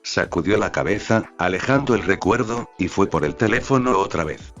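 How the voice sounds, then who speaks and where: A man narrating a fan fiction story in a steady, even reading voice. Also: deep voice, moderate pace. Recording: slightly dull audio with faint background music.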